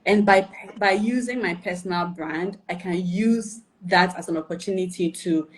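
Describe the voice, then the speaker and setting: In a live video chat, a woman with a lowish voice coaches on personal branding at a normal speed. She explains patiently, often checking that the listener follows with "right?" and "okay?", and builds her points through repeated questions and enumerations.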